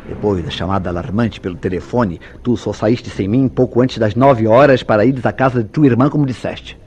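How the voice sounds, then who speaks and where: In a Brazilian radio soap opera with background music, a male actor plays a suspicious, jealous man relentlessly interrogating a woman, his lowish, darkish voice brisk, formal, insistent, and theatrical yet only lightly acted. The mood is accusing, and the lo-fi recording carries a little hiss or hum.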